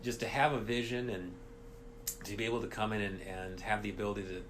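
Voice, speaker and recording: Man, head track coach, lowish voice, earnest, enthusiastic, faint background noise. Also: fairly even intonation, quick pace, fairly bright tone. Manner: earnest, enthusiastic, repeats phrases. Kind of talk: casual interview talk.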